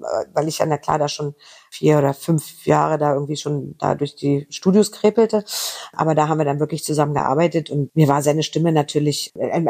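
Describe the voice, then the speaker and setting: A middle-aged voice actress from Berlin, with a slight Berlin accent, is a guest in a casual interview. Her low, darkish voice is a little husky as she rambles quickly and eagerly through her anecdotes.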